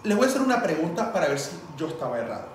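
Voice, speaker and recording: A man with a Venezuelan Spanish accent tells stories in casual chat and acts out the voices in them. His voice sits a bit high and sounds far from the mic. The room is very echoey. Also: very fast, a little hiss or hum. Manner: animated storyteller acting out quoted dialogue.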